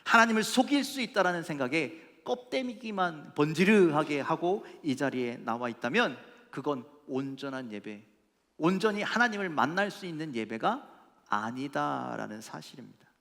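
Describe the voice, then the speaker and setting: Male pastor, emphatic sermon, gravelly voice with a long church reverb. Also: on the high side, a bit bright. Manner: emphatic preaching with rhetorical questions to the congregation. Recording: echoey church hall.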